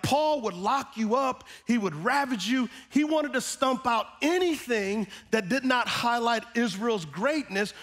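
A middle-aged man preaching a sermon on a church stage, animated and calling out to his congregation. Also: very high-pitched. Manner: animated, gesturing, calls out to the congregation. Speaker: pastor. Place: large church stage with band gear.

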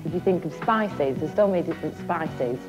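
A woman's voice: low voice, expressive, a little fast, over music. A woman, chatting playfully in a promotional interview. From England. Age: 20s. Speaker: pop singer interviewed. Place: indoors in front of a stained-glass window. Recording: muffled 1990s videotape audio.

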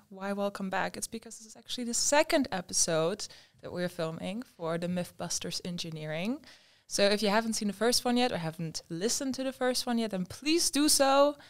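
A young woman hosts a casual podcast interview, talking into a studio microphone. Her voice is smooth and clear at a middle pitch. She talks in a lively, expressive way. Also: normal speed, few pauses. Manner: lively, gestures with both hands while talking. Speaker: podcast host. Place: room with large windows. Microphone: studio mic on a stand.

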